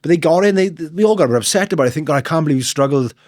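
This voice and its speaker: Fast-talking middle-aged South Wales man. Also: on the high side, expressive, darkish tone, no room sound, studio quality. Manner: earnest, repeats phrases, quotes conversations. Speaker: interview guest, motivational speaker. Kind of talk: candid personal storytelling in an interview.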